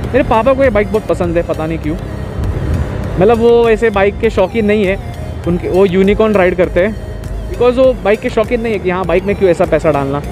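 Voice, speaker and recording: A young man, chatting in a rambling, easygoing way while riding a motorbike on a highway and mixing in English words. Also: a little fast, over music. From India. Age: young adult. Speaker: motovlogger. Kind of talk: casual chat while riding.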